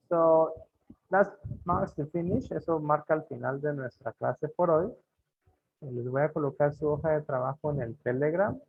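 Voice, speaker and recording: A man leads an online English class, spelling letters out one by one and repeating each phrase. His voice sits fairly high and sounds husky and gravelly. It comes through a thin, phone-like line. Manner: slow, deliberate spelling drills, repeating phrases. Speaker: English teacher.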